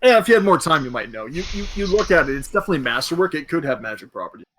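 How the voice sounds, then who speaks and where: A man's voice: fairly high pitch, very animated, rapid-fire, fairly bright tone, slight background noise. A man narrating a tabletop game as game master, easygoing and descriptive, with fillers.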